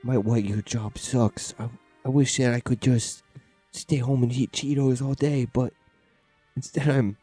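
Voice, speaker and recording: A man's voice: medium pitch, fairly even intonation, unhurried, warm tone, husky, dry recording, faint music behind. A man voicing a whiny, sassy little boy baby hero in a comedy movie trailer parody, rambling in a childish, hesitant way. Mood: whiny, sulky.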